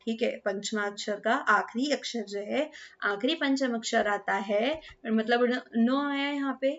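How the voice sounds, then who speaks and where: A woman teaching Hindi grammar, mixing in English words and checking often whether it is clear. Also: a little high, measured pace, muffled recording. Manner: checks understanding with repeated "clear?" and "ठीक है". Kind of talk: classroom explanation.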